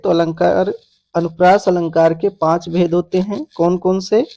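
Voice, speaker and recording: Slow, deliberate male grammar teacher. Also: high voice, mellow. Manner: slow, deliberate, asks and answers own questions. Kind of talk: exam-prep grammar lecture.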